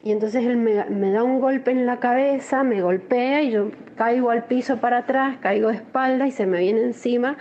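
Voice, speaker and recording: A woman with a Rioplatense Spanish accent gives a shaken, halting first-person testimony, often restarting her sentences. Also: on the high side, darkish tone, lo-fi sound, slight background noise. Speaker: interviewee recounting an assault.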